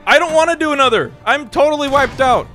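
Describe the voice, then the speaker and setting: A man with a very high, bright voice does let's play commentary, raging, shouting and cursing at the game. He talks slowly, with wide swings in pitch, and faint game music plays behind him. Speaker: gamer.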